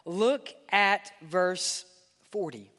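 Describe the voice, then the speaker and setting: A man preaching a sermon as pastor, with impassioned delivery that climbs to loud high peaks and sinks to soft endings. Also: expressive, drawn-out words, long reverb tail.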